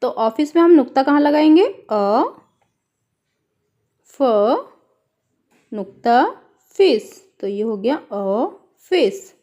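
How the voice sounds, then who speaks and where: A woman's voice: sits high, expressive, slow pace, pauses often, warm tone. A woman teacher explaining a worksheet to children, spelling words out syllable by syllable and calling her pupils "beta".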